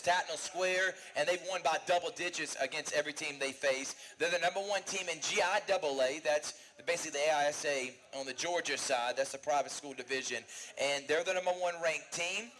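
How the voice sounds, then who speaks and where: A man hosts a live sports talk show and runs through rankings at an eager clip. His voice sits a little high for a man. Some light noise hangs under the recording. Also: bright, forceful tone, poor audio. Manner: fast, enthusiastic rundown of rankings. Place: bar and grill.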